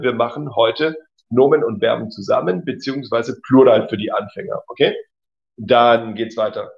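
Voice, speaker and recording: A man teaching German in a casual livestream, reading out viewer comments, correcting them and laughing easily. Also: mid-range voice. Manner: chatty, reads out and corrects comments, laughs often. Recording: slightly dull lo-fi audio.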